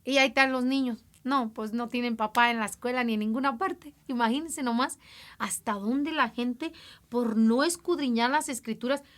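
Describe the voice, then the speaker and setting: A woman with a high, bright, sharp-edged voice leads an informal Bible lesson. She talks to her listeners directly and often asks them rhetorical questions. She slows right down to stretch out the words she wants to stress. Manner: draws out words slowly for emphasis. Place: lives in an English-speaking country.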